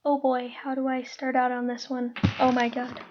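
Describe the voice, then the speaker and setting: High, flat-voiced woman rambling on. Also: moderate pace, lo-fi sound, background noise. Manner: rambling, with many fillers and self-corrections. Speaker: casting call host. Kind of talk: casual talk describing characters.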